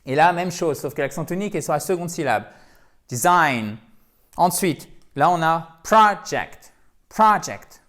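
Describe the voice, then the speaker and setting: A man teaching English pronunciation in French in a video lesson, lively and chatty, repeating words for practice. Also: a little high, a little fast, few pauses. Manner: energetic, repeats words for drilling, chatty asides.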